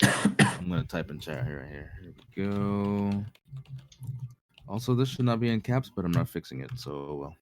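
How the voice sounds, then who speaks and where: A man's voice: deep voice, fairly quick. A man chatting casually during an online game, joking and talking to himself as he types. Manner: animated, joking, talks to himself while typing.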